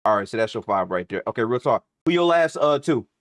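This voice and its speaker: A man hosting a casual group voice chat, running the picks in a relaxed, slangy way with plenty of "uh" and "um". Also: on the low side, fast talker, no echo. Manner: laid-back, slangy, fills with "uh" and "um". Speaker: host running a group prediction draft.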